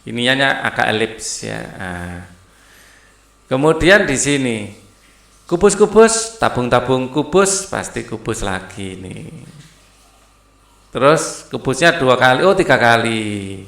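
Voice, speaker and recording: A man's voice: mid-range voice, animated, slow pace, vocal fry, pauses often, fairly bright tone, echoey room. A man, patiently walking young pupils through a textbook lesson, checking in with many "ya"s. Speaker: teacher. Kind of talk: explaining a primary school textbook.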